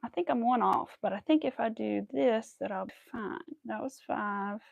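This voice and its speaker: An early-thirties American crocheter rambles through casual chat on her livestream, counting stitches aloud. She speaks at a normal speed in a gravelly voice on the high side, and the recording is dry.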